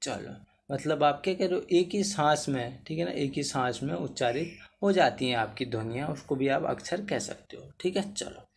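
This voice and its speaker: A man's voice: a little high, moderate pace, vocal fry, a little hiss or hum. A male Hindi teacher giving an exam-prep grammar lesson, keeps asking "theek hai na" and stretching vowels out to show how long they last. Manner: addresses students as bhaiya, repeats "theek hai na"; drawls vowels to demonstrate length.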